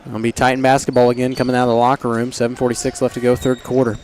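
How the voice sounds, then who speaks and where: A man's voice: medium pitch, monotone, rapid-fire, darkish tone, faint music behind. A man calling a live basketball game play by play, chatty with wry asides about the team. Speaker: play-by-play commentator. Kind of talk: live sports commentary. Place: school gymnasium at a basketball game. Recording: noisy gym ambience.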